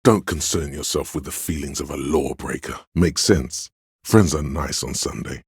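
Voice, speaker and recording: An extremely deep, very smooth male voice serves as a commanding inner voice of authority in a video game, haughty, pompous and measured like a stern narrator expecting obedience. The recording is close and dry with no room sound, fully in character, with a contemptuous mood.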